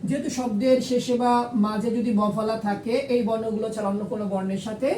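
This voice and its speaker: A woman's voice: fairly even intonation, fast, mellow. Woman teacher, echoey and distant. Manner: patient, repeats rules, asks and answers own questions. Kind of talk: board-style lesson, explaining step by step. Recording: echoey room, far from the mic, faint rumble.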